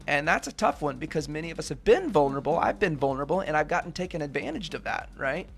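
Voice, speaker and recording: A man's voice: fairly high pitch, expressive, fast talker, creaky, fairly bright tone, faint music behind. A man in his thirties, a radio interview guest, speaking earnestly and reflectively with lots of "you know" and "right?". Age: 30s.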